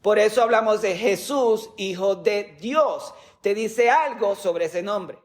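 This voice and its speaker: Man, high voice, pastor's sermon, teaching tone, rhetorical questions, repeats words. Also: slow.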